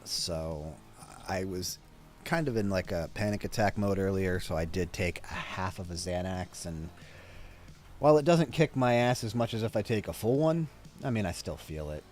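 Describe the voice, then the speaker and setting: A man's voice: sits low, lively intonation, moderate pace, a little mellow. A man hosting a casual reaction vlog, tired and drowsy, rambling and swearing casually. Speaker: reaction video host. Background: faint music.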